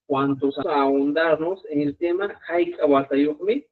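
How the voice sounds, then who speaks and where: A man's voice: fairly high pitch, moderate pace. Guy teaching a live online class, keeps asking if everyone's following, sounds like it's over a phone. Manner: explains patiently with many check-ins like "¿ya?". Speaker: language teacher. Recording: tinny phone-like audio.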